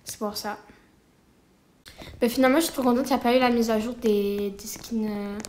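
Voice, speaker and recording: A woman chatting through her gameplay, rambling easily and breaking into sudden excited exclamations. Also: a little high, moderate pace, slight background noise. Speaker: gaming video creator. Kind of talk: gameplay commentary.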